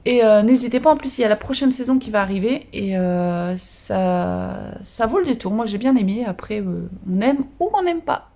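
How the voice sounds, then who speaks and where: A woman vlogger chatting casually about her latest books, hesitant with many pauses and fillers. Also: mid-range voice, expressive, creaky, mellow, slight background noise. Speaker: book vlogger. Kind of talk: casual chat showing books.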